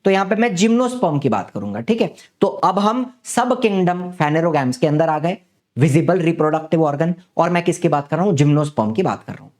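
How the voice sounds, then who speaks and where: A man's voice: a little high, sing-song, a little fast, darkish tone. A young man teaching a biology class online, repeating words and asking students questions as he explains.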